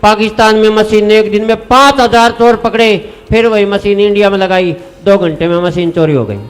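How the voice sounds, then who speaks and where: A man's voice: sits high, steady tone, normal speed. A man reciting comic verse on stage at a poetry gathering, addressing the audience with rhyming punchlines. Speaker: stage comedy poet. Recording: long hall reverb, faint music.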